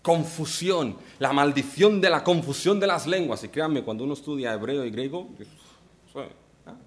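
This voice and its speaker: A man's voice: on the high side, moderate pace. A man preaching a sermon, asking the congregation rhetorical questions and making playful asides. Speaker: pastor.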